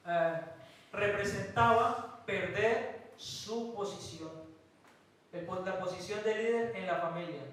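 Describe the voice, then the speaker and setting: A man from Colombia, a pastor, preaching a sermon with emphatic pauses and rhetorical questions. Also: sits high, fairly bright tone. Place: church hall. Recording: very echoey hall from a distance.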